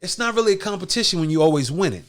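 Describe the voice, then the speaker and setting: A man's voice: high-pitched, lively intonation, rapid-fire. Male podcast co-host, Queens accent, slangy and playfully boastful, casual conversational delivery. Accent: Queens, New York. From Queens, New York. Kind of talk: casual banter.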